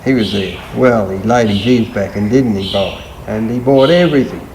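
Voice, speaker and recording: An older man with a rural Australian accent, reminiscing in an unhurried, laconic country drawl. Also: fairly low pitch. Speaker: retired livestock agent reminiscing. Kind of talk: oral-history reminiscence. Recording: faint background noise and ambience.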